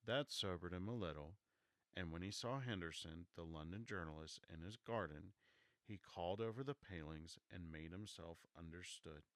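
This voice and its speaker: A man with a soft voice narrating a classic novel as an audiobook. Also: deep voice, normal speed, no echo, studio quality.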